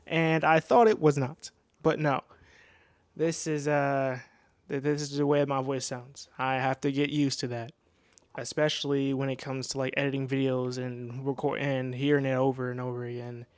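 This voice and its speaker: A nineteen-year-old vlogger tells a casual storytime into his new desk microphone at home, rambling with plenty of restarts and slang. His medium-pitched voice is flat in delivery, moderately paced, clear and resonant, with no echo.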